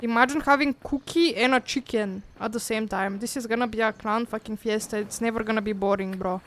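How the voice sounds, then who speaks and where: Young female streamer, slightly high voice, loose playful gaming banter. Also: fairly even intonation, brisk, a bit bright. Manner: swearing, playful, bursts of laughter and screams. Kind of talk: casual gaming chat.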